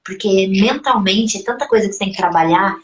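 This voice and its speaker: A woman's voice: mid-range voice, brisk, lo-fi sound. A woman host chatting in a reflective, conversational way, sharing her own experience over a video call. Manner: reflective, chatty, tags lines with "né?". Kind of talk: casual conversation. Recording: echoey room.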